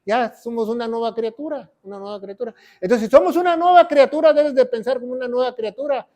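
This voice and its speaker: Male pastor, high voice, emphatic sermon teaching, rhetorical questions. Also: fast. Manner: emphatic preaching, rises loud on scripture quotes, rhetorical questions.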